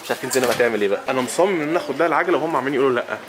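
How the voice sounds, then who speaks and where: A man's voice: medium pitch, animated, racing. A man with an Egyptian Arabic accent hosting a casual vlog, talking to viewers in a playful, coaxing way. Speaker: vlogger host. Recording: clear background ambience noise.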